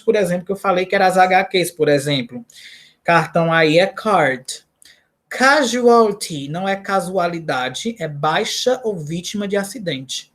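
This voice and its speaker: Brazilian woman teaching English vocabulary. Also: fairly low pitch. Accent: Brazilian Portuguese. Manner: explains false cognates, corrects herself, asks "né?" and "tá?". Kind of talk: recorded lesson for students.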